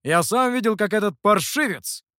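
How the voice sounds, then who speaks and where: Man voicing an indignant bystander, angry, accusing, storybook figure, higher pitch. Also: animated, normal speed, bright, forceful tone, dry recording, clean studio sound.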